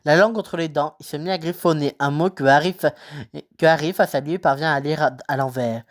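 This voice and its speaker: A woman storyteller reading a children's novel aloud, steady and unhurried, with small slips. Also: deep voice.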